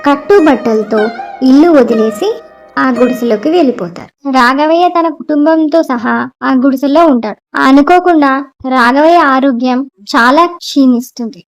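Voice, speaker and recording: A woman with a Telugu accent narrating a cartoon moral story in a steady, explanatory way. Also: sits high, moderate pace, soft background music.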